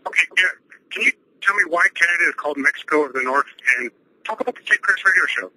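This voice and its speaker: A man's voice: a little high, animated, fast, sharp tone, a little hiss or hum, poor audio. A man making a prank call on a speakerphone, pushy and interrupting, repeating himself. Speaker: prank caller. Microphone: telephone speakerphone.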